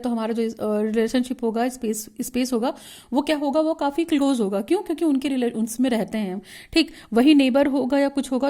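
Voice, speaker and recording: Mellow-voiced woman teaching a lesson. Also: on the high side. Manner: mixes English terms into Hindi, reads English passages slowly; repeats points, tag questions. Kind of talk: explaining lesson notes.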